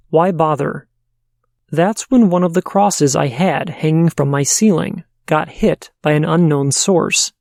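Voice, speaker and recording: A man hosting a paranormal podcast, reading listener letters aloud in a steady, measured way. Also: on the high side, vocal fry, no room sound, clean studio sound.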